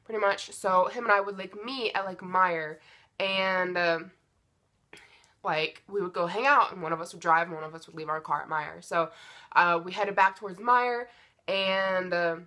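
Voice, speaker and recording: A woman's voice: fairly low pitch, normal speed, pushed and bright. A young American woman telling a personal story in a casual, blunt, chatty way, acting out bits of dialogue as she goes. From United States. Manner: informal and blunt, retells dialogue with "like" and swearing.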